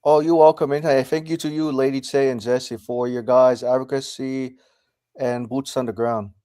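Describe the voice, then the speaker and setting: A man's voice: mid-range voice, level tone, normal speed, warm tone, smooth, dry recording, clean studio sound. A man chatting casually on a group call, polite and accommodating. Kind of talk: casual chat.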